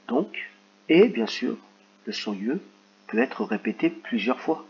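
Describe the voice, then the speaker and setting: A man teaching a recorded phonics lesson to young children, dictating words slowly and clearly. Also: fairly high pitch, very animated, lo-fi sound. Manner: slow, carefully articulated word dictation.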